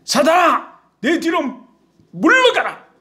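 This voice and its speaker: A man's voice: very high-pitched, lively intonation, moderate pace, vocal fry, full character voice. A male pastor voicing Jesus as a solemn teacher in earnest prayer and stern rebuke.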